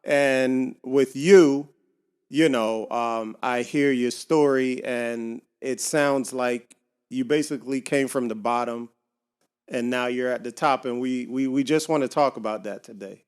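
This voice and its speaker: A podcast host from Miami conducts a casual interview over video call from his home garage, full of ums and restarts. His medium-pitched voice is smooth, a little mellow, and a little slow.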